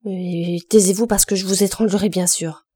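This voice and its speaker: A woman voicing an angry young laundress who stammers out loud threats. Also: medium pitch, fairly even intonation, normal speed, slightly rough, lightly acted. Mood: threatening.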